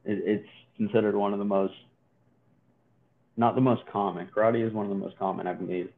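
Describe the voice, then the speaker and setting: A man's voice: lowish voice, steady tone, fairly quick. Joking podcast man on a tinny line. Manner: joking, rambling with many restarts. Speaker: podcast co-host. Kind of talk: casual podcast chat. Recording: tinny phone-like sound.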